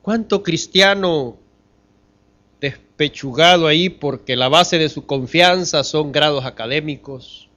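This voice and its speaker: A man preaching a sermon as pastor, asking the congregation questions and swinging from loud emphatic lines to hushed ones. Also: fairly high pitch, measured pace. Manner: addresses the congregation as brothers.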